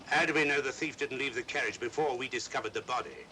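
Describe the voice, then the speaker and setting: An actor playing an officious, sceptical police inspector who questions everything, in 1940s mystery film style. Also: male voice, fast talker, pushed and bright, close to an everyday voice. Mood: puzzled, businesslike. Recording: noisy old film soundtrack, train rumble.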